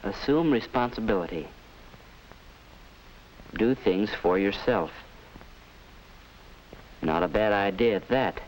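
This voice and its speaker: A man's voice: on the low side, expressive, takes it slowly, pauses often. Earnest young male student, 1950s film. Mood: pondering. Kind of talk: 1950s educational film acting. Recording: crackly old 1950s film soundtrack.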